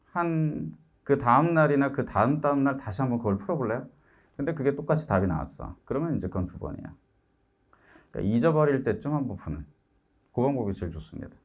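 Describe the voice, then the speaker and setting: A man's voice: medium pitch, quick pace, highs cut off. A middle-aged man teaching a math class. He talks to the students directly and keeps checking that they follow him. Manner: lively, keeps asking "알았죠?" to check understanding; acts out students' complaints in a raised voice. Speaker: math instructor. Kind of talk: lecture to students.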